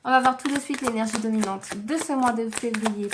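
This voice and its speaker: A woman giving a slow, gentle tarot reading to viewers, tired and low on energy, with frequent hesitations. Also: background noise. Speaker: tarot card reader.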